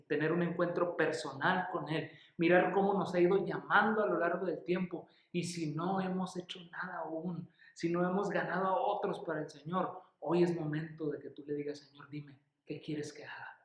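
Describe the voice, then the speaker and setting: Mexican pastor guy, kinda high voice, pleading sermon, echoey church. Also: steady tone, moderate pace, hardly any pauses. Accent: Mexican Spanish. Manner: earnest, pleading, repeats key phrases; calls listeners "querido" and "hermano". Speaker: preacher.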